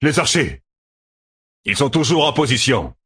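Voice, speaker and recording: A man's voice: fairly low pitch, big pitch swings, moderate pace, fairly bright tone, husky, pitched above the performer's own voice, exaggerated voice. A man voicing a stern male army commander who gives clipped, urgent orders in a raised, commanding voice.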